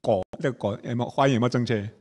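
A man's voice: medium pitch, rapid-fire, a little mellow, big-room sound, voice pushed up, close to an everyday voice. A man voicing an indignant male retreat participant, protesting in a heated way.

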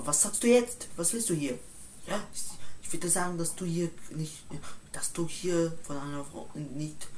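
A woman acting out a comedy sketch, her pitch leaping all over as she quarrels in rough street slang. She flips between mutters and loud shouts, with a faint hiss of noise behind her.

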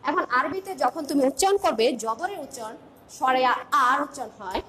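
A high-pitched woman with a Bangladeshi Bengali accent leads an online lesson for young pupils. She recites letters slowly in a drilling rhythm and asks questions between them, with a faint hiss of background noise under her voice. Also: expressive, fairly bright tone. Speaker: teacher.

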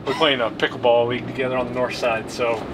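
A man playing an awkward, overeager church officer in a comedy skit, folksy and deadpan, with outdoor and vehicle noise behind. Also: mid-range voice, fast, lightly acted.

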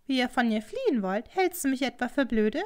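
A woman reading a proud, cruel young geisha whose voice climbs far higher than the narration. She pleads and scorns in a shrill, pointed tone, with a lively, swooping pitch, for a storybook recording. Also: brisk, lightly acted. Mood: scornful.

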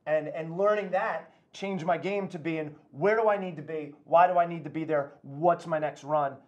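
A man's voice: on the high side, normal speed, muffled recording. A man in his forties hosting a sports podcast, asking friendly follow-up questions. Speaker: podcast host. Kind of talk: casual interview chat. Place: studio set with wood backdrop.

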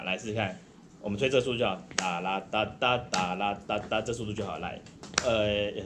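A man's voice: medium pitch, background noise. Patient man teaching a saxophone class. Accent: Taiwanese Mandarin. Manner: patient, counts in and sings demonstrations. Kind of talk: group music lesson.

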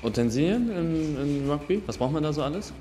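An inquisitive man on a judging panel asks his questions and thinks his reasoning through out loud in casual chat. His voice carries a long reverb from the room. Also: a little high, lively intonation, a little fast. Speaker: panel judge.

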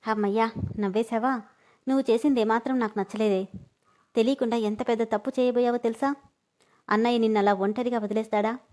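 A woman voicing a caring, talkative sister-in-law who consoles and gently scolds. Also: a little high, fairly even intonation, a little fast, pauses often, close to an everyday voice. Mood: consoling.

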